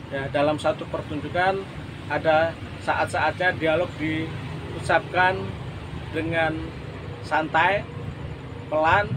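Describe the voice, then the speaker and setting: A man lecturing on drama and voice for an online university class, slow and deliberate, with examples that he demonstrates himself. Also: a little high, noisy background.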